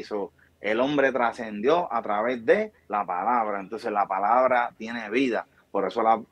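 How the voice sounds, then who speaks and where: Over a webcam video call, a man in his thirties from Puerto Rico talks as an interview guest about motivation, emphatic and preachy, his hands gesturing. He founded a barbershop and speaks at medium pitch with a Puerto Rican Spanish accent. The audio from his small indoor room has no room sound and is dull and lo-fi.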